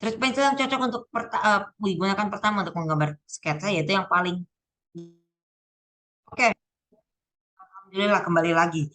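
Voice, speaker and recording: A woman's voice: medium pitch, moderate pace, pauses often, fairly bright tone, rough recording. A teenage girl casually going over exam answers, thinking aloud and often correcting herself. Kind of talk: casual spoken exam walkthrough.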